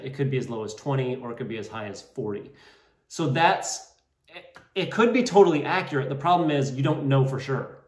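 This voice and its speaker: A man's voice: mid-range voice, a little mellow. A man co-hosting a fitness Q&A in casual chat, playful and teasing, explaining answers with frequent restarts. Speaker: fitness coach co-host. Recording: roomy, distant mic.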